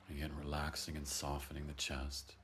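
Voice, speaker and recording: A man guiding a breathing and voice meditation, giving soft, gentle, unhurried instructions between long audible sighs. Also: low-pitched, creaky, a little hiss or hum. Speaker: breathwork and voice teacher.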